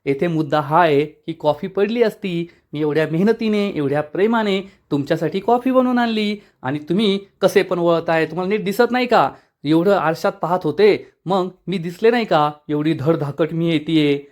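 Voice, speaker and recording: A man voicing a quick-tongued young wife. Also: on the high side, close to an everyday voice. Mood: scolding. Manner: scolding, rapid-fire retorts.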